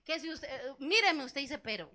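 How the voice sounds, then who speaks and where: A woman pastor delivers a sermon in a church, her voice high and bright. She tells a personal story, acts out the voices of the people in it, and keeps turning to the congregation with questions. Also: lively intonation, moderate pace, a little hiss or hum. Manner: storytelling, acts out quoted dialogue; asks the congregation rhetorical questions.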